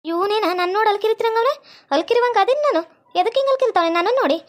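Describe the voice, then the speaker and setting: Cartoon village girl, complains sharply, North Karnataka accent, high and rapid. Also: expressive. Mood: indignant. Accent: North Karnataka Kannada. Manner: complaining, indignant. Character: young village woman, indignant at being whistled at.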